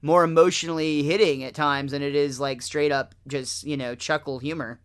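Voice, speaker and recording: A man's voice: on the high side, steady tone, moderate pace, clean tone. A man co-hosting a casual podcast recap, talking in an informal, slangy way. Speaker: podcast co-host. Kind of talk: casual episode recap commentary.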